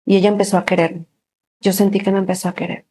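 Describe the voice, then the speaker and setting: A woman gives a personal faith testimony as an interview guest, a lively storyteller who laughs often and fills her talk with little pauses. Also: medium pitch, slight background noise.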